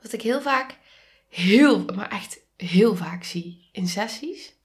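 A woman with a Dutch accent hosting a reflective solo podcast, speaking calmly and softly and often dropping into a whisper. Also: mid-range voice. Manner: slow, calm, soft-spoken, drops to whispers. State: sneezing. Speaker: podcast host and coach.

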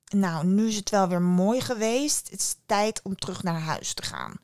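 A woman's voice: medium pitch, normal speed, a little mellow, no echo, studio quality, lightly acted. Woman doing a rude, sulky spoiled girl. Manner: sulky, cheeky and dismissive.

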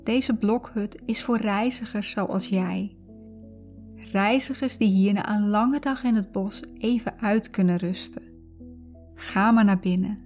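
A woman narrating a guided visualization in a calm, soothing, unhurried way. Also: mid-range voice. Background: background music.

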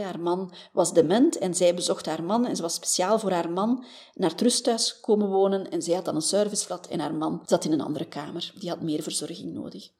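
A woman with a Flemish accent talks through a motivational podcast monologue. Her voice is warm and mellow, her pitch sits mid-range, and she speaks in a friendly, chatty way, ending many sentences with a questioning "hè". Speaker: podcast host, former family doctor.

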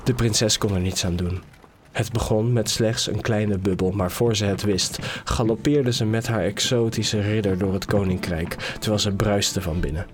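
A man narrating a scripted fairy tale as a podcast storyteller, measured and unhurried. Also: lowish voice, steady tone, a little hiss or hum. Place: podcast studio. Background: faint music.

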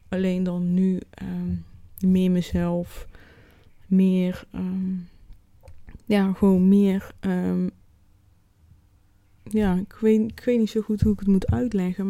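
Woman doing a casual vlog story, really mellow voice, slow-ish, stops to find words, dry sound. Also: medium pitch, no echo. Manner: halting, pausing mid-sentence to search for words. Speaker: vlogger. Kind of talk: casual vlog recounting an experience.

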